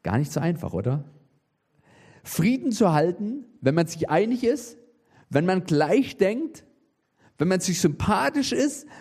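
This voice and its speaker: A man preaching a sermon, with lively emphasis and frequent rhetorical questions to the congregation. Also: sits high, breathy edge.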